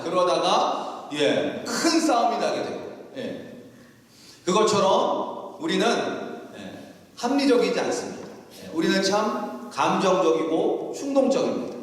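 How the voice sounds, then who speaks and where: A male pastor preaching a sermon, putting questions to the congregation and answering them himself. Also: high-pitched. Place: church sanctuary. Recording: echoey church hall, mic at a distance.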